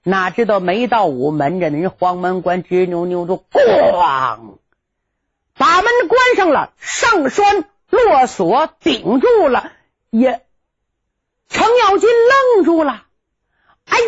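A woman performing a traditional story with a lively, dramatic delivery. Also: medium pitch, husky. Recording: dull lo-fi recording.

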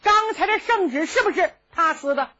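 Storytelling: woman putting on an outraged elderly prince, high pitched, lo-fi. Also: expressive, normal speed, sharp tone, heavily acted. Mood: indignant. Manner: shrill, indignant complaining. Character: blustering old male prince, indignant. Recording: dull lo-fi recording.

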